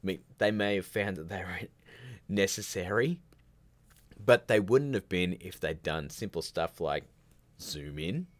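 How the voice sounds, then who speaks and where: A deep-voiced man hosts a relaxed live Q&A on a filmmaking livestream, wandering from one answer into the next with candid opinions and jokey asides. His delivery is animated at a measured pace, and the recording is dry with no room sound around him.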